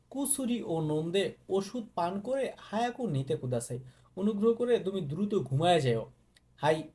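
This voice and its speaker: A man leads a casual spoken language lesson. His pitch swings widely as he repeats words. His tone is mellow and warm. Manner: slow, repeats each Japanese word and then explains it. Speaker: Japanese language teacher.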